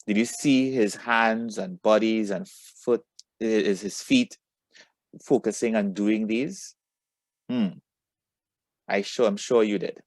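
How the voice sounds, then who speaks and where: A man teaches students with deliberate emphasis, posing questions, giving instructions and offering encouragement. His voice is fairly low in pitch, and there's no echo.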